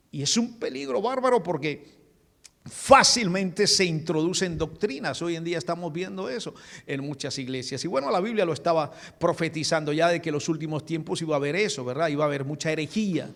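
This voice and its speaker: Earnest preaching pastor in a reverberant church. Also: male voice, on the high side, a bit bright. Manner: earnest preaching, addresses listeners as beloved, many restarts. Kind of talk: sermon.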